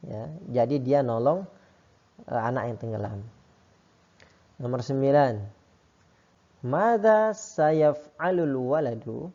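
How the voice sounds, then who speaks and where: A man teaching a lesson, reading each phrase slowly and then explaining it quickly. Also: mid-range voice, mellow. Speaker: Arabic teacher. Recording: dull lo-fi sound.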